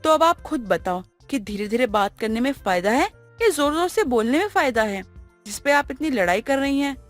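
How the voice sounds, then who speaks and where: A woman voicing a soft-spoken, patient young daughter-in-law who talks slowly and gently in an animated moral story. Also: high voice, faint music behind. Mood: gentle, calm.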